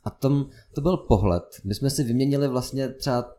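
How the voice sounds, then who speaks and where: A young man telling a story in casual chat, lively and full of fillers. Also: mid-range voice. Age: young adult. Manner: animated anecdote telling with many fillers.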